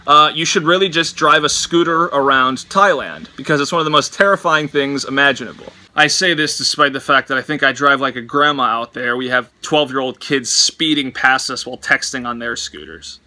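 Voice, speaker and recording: Brisk and sharp at a medium pitch, with few pauses, a thirties-aged marine biologist talks into an arm's-length camera on a tropical bungalow porch. The casual travel vlog carries his dryly humorous, wry tone.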